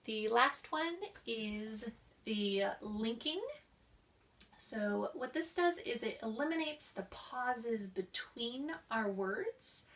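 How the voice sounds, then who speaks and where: Slow-talking woman teaching voice exercises. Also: fairly high pitch, lively intonation, fairly bright tone, far from the mic. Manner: demonstrates exercises with coughs, sighs and slow linked speech. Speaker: voice instructor. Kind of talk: explaining voice exercises.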